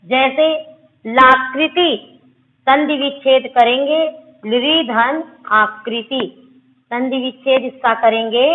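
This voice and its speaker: A woman's voice: high-pitched, takes it slowly, pauses often, phone-quality sound. A woman teacher explaining grammar rules step by step in a classroom lesson, repeating each sound.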